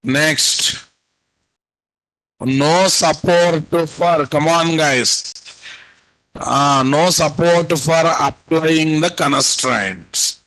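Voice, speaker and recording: Slow-paced Telugu-accented Indian man teaching. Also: on the high side, a bit bright, low-quality recording. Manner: repeats phrases, prompts students with questions. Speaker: programming instructor. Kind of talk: live online lesson, dictating notes. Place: indoor room at a computer, video call.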